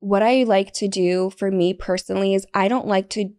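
A woman's voice: medium pitch, fairly even intonation, normal speed, warm tone. A young woman hosting a podcast, talking candidly and bluntly in a casual chatty way. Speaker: podcast host. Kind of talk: casual solo podcast talk.

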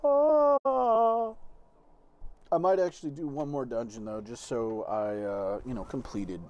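A man's voice: medium pitch, animated, takes it slowly, darkish tone, dull audio, slight background noise. A man casually narrating his gameplay as a streamer, rambling and swearing freely while sorting through his gear. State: has the hiccups. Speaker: gaming streamer.

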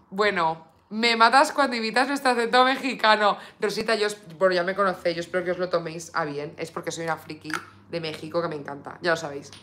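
Woman streamer, from Spain, bright tense voice, chatty and rambling, coos to her dog. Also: mid-range voice. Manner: chatty, lots of fillers, reads viewer comments aloud. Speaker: beauty vlogger live streaming. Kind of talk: casual live stream chat.

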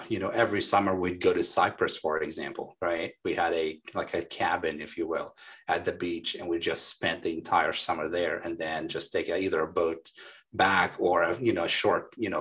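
Low husky-voiced man on a video call. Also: steady tone, moderate pace, fairly bright tone. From Lebanon. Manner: friendly, talkative, frequent fillers and restarts. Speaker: guest, business owner. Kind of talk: casual interview over video call. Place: small dark home studio. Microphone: desk microphone on a boom.

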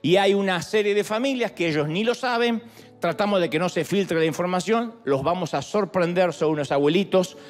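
A middle-aged Argentine man preaching a sermon as pastor, animated and playful. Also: high voice, fairly quick, long reverb tail, soft background music. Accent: Argentine Spanish. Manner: animated, playful, rising to calls to the crowd.

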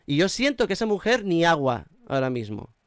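A man's voice: on the high side, very animated, a little fast, clear, resonant tone, no echo, clean studio sound. A man in his forties hosting a live online debate, indignant and talking over the other speaker. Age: 40s. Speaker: YouTube channel host.

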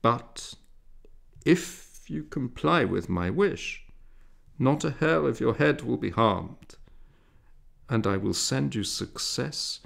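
A man voicing a menacing male demon in a hollow, booming voice, slow and threatening in a read-aloud story. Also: animated, vocal fry, fairly bright tone, exaggerated voice. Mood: menacing boast.

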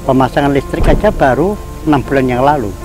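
A man's voice: mid-range voice, quick pace, rough recording. An older man, a village elder, answering interview questions plainly and agreeably, with hesitant fillers, outdoors on a porch. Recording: music playing under the voice.

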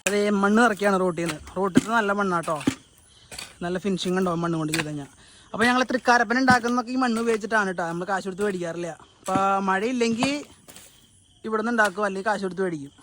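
A woman's voice: mid-range voice, racing, noisy background. A woman, chatting casually in a family vlog while directing helpers outdoors. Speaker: vlogger. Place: outdoor home yard.

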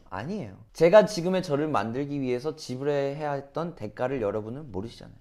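A man's voice: medium pitch, a little mellow. A man preaching as a youth pastor in an earnest sermon, often putting rhetorical questions to his listeners.

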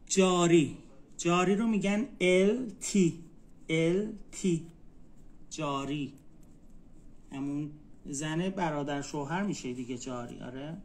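Brief: male tutor, slightly high voice, drills vocabulary with slow repeats, patient one-on-one lesson. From Iran. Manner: repeats words slowly, spells them out for a student. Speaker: Turkish language tutor.

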